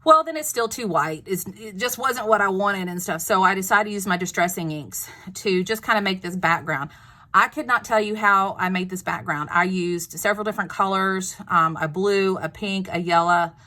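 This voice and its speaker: Chatty Texan woman, bright voice. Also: mid-range voice, moderate pace. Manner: chatty, rambling, many fillers and restarts. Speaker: craft vlogger. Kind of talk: casual crafting show-and-tell.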